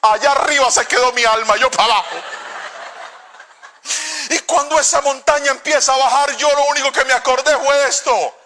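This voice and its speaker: A middle-aged man from Cali with a Colombian accent, preaching a sermon and telling a story in an animated, theatrical way with sudden shouts. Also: very high voice, moderate pace. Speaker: pastor.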